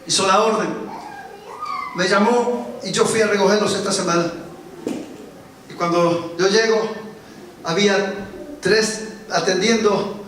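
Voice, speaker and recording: A man's voice: high-pitched, steady tone, a little slow, long pauses, fairly bright tone, a little hiss or hum. A man preaching a sermon as pastor, telling a story and repeating words for emphasis. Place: church hall. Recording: echoey church hall, distant mic.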